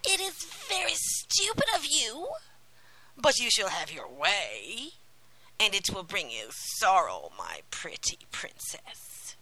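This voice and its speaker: A woman voicing a scheming old female sea witch in a whispered role-play fairy tale, shrill and drawn out. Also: wildly swooping pitch, slow pace, pushed and bright, full character voice, poor audio. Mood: menacing.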